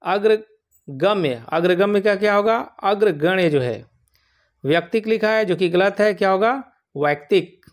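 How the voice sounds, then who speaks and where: A man with a fairly high voice takes learners through a spelling lesson for an exam. He explains slowly and patiently, and he says each word more than once so it sticks. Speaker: exam prep teacher.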